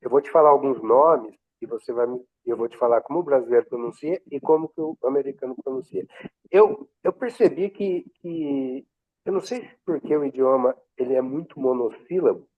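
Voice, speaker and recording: A man from Brazil talks as a student in an online class. He shares an observation haltingly and restarts often. His voice comes through a tinny, phone-like line. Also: mid-range voice. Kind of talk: class discussion.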